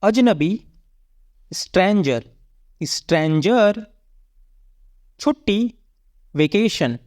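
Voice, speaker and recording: A speaker reading a vocabulary drill in a measured, even way, saying each word and then repeating it. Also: mid-range voice, no echo, clean studio sound. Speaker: vocabulary teacher.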